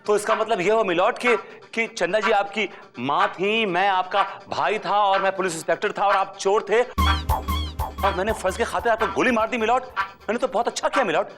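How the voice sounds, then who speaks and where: An actor playing an excitable, clownish, self-congratulating man in a broad television courtroom comedy, repeating himself. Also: high voice, a little fast, lightly acted. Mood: proud, excited. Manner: repetitive, addresses the judge constantly. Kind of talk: broad television sitcom acting. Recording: music playing behind the voice.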